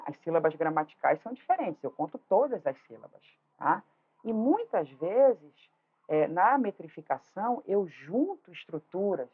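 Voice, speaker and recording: A woman's voice: medium pitch, breathy edge. A woman teaching a literature lesson, explaining step by step and checking in with tag questions. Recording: tinny phone-like audio.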